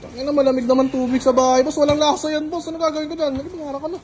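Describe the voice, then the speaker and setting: A man's voice: extremely high pitch, little pitch movement, rapid-fire, a little mellow, slight background noise. A man playing an exasperated customer in a comedy skit, accusing the vendor and swearing casually.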